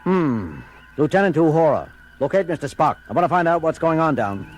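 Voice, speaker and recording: A man's voice: fairly high pitch, very animated, a little fast, slight background noise. A man playing a commanding, urgent and blunt starship captain in a science fiction audio drama, with an authoritative, clipped delivery. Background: loud dramatic music.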